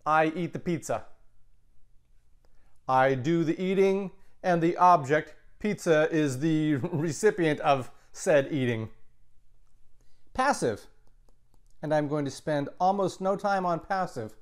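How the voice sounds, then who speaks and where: A man teaching a recorded grammar lesson, explaining slowly and patiently, sometimes correcting himself mid-sentence. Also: a little high, clear, resonant tone. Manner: slow, patient explaining with self-corrections and asides. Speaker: Latin teacher.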